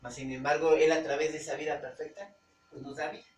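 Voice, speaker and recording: A man with a Mexican accent, a pastor preaching conversationally to his congregation, often pausing and searching for words. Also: on the high side, level tone. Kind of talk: informal Bible-study preaching. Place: church hall. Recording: roomy church hall, distant mic, faint hum.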